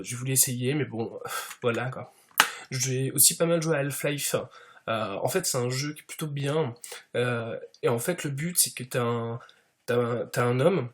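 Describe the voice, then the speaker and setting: Slight background noise sits under a medium-pitched male YouTuber doing a parody monologue. He's a self-satisfied show-off who leans heavily on fillers and never stops saying "tu vois."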